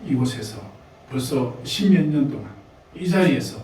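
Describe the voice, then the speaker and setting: Animated Korean pastor with a Gyeongsang accent. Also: male voice, mid-range voice, normal speed, heavy reverb, distant mic, a little hiss or hum, poor audio. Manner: animated, conversational preaching with laughs and asides to the congregation. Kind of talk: sermon. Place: church sanctuary.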